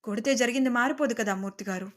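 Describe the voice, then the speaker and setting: A woman voicing a calm middle-aged father trying to settle a quarrel. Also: fairly high pitch, fast, natural voice. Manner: calm, conciliatory.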